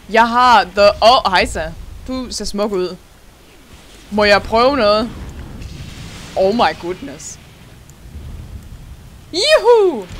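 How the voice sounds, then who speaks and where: A young adult gaming host chatting through a let's-play in an excitable, giggly way, slipping English words into the commentary. The voice sits at a middling pitch, with a faint hiss of background noise behind it. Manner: excitable, laughs often, sprinkles English words into speech.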